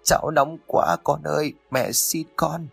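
A man's voice: on the high side, steady tone, measured pace, vocal fry, slightly rough, soft background music, pitched above the performer's own voice, full character voice. A man doing a frail, pleading old woman. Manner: thin, broken, begging voice.

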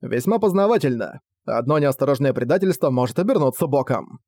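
A man's voice: mid-range voice, animated, a little fast, warm tone, dry recording, studio quality. A man voicing a cunning young prince who talks casually and mockingly. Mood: flippant. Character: young male prince, cool, cunning and flippant.

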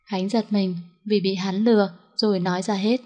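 Woman audiobook narrator, monotone reading, middle pitch, same voice for all characters. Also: normal speed. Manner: reads all characters in one even voice. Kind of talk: scripted storybook narration.

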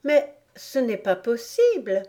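Woman doing a storybook girl, curious, eager, higher and questioning. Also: big pitch swings, takes it slowly, mellow. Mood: inquisitive. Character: earnest, inquisitive young girl. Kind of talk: audiobook character voice.

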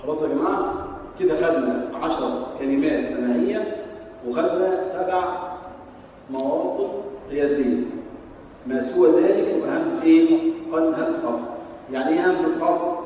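A man's voice: on the high side, mellow. A man with an Egyptian accent teaching a class, asking questions and answering them himself. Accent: Egyptian Arabic. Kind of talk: classroom lesson on Quranic sciences. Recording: echoey hall, mic far off, faint noise.

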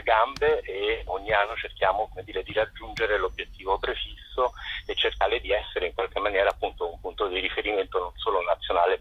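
Calling in to a radio interview over a muffled phone line, a festival director answers with lots of hesitation and fillers. He sits low in pitch, slightly rough, with no echo on the sound.

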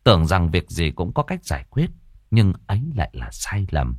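Deep-voiced male horror storyteller. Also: normal speed, no echo, clean studio sound. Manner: dramatic, expressive storytelling. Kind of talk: scripted horror narration.

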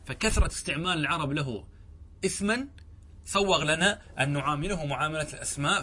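A man with a somewhat high, husky voice gives a grammar lecture. He explains each rule patiently, slows down to read the verse, and keeps checking that his students follow. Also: fairly bright tone. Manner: checks understanding with frequent questions to students; reads the verse slowly, then explains it. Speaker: teacher of Arabic grammar.

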